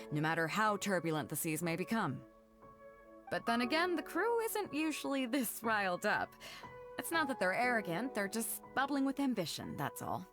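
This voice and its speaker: An actress playing a bold, easygoing female ship captain who speaks in a relaxed, commanding way in a video game. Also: mid-range voice, lightly acted. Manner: relaxed, commanding, warm toward her crew. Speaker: fleet captain.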